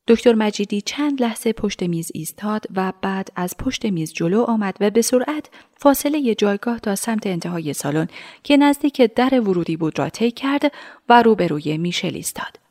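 A woman narrating a story in a measured voice, dropping to a hush at times. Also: medium pitch.

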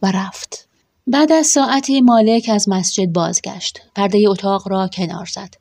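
A woman narrating a first-person audiobook in a measured, emotional storytelling manner, with a husky voice. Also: medium pitch, darkish tone, dry recording.

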